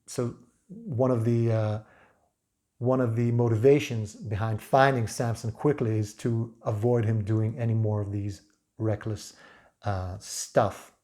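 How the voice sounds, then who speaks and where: Mellow-voiced man giving an unscripted book review. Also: on the low side, steady tone. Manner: hesitant, measured, pausing mid-phrase.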